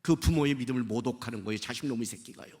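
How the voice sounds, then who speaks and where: A man's voice: mid-range voice, rapid-fire, a little mellow. A male pastor preaching a sermon with passion, firing rhetorical questions and scolding his listeners.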